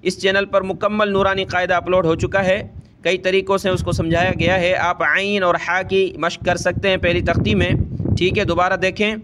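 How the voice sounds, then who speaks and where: A man teaching Quran recitation step by step, quickly explaining letter sounds and then reciting each phrase slowly and drawn out. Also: high-pitched, little pitch movement, background noise.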